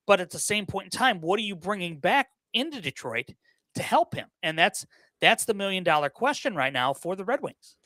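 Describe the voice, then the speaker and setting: A man's voice: high voice, sing-song, moderate pace, sharp tone, dry recording. A man guesting on a sports podcast, giving opinions in casual chat, often repeating words and using fillers.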